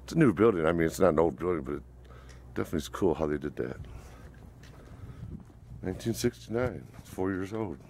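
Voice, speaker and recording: A man's voice: low-pitched, expressive, brisk, pauses often, a little mellow. A middle-aged man with a Northwest Indiana accent giving a chatty, rambling walking tour to a handheld camera. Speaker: vlog host. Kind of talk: casual walking tour vlog. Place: outdoors and inside a church building. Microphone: handheld camera at arm's length. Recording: noisy outdoor camera audio.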